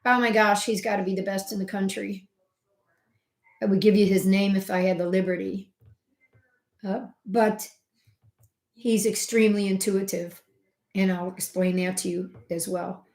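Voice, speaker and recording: Speaking at a normal pace with long pauses, a middle-aged woman who hosts a health channel as a homeopath shares a personal anecdote with her camera in a chatty, filler-heavy way. Her medium-pitched voice is described as flat, yet it shifts from loud emphasis to soft asides, all within a roomy, echoing space.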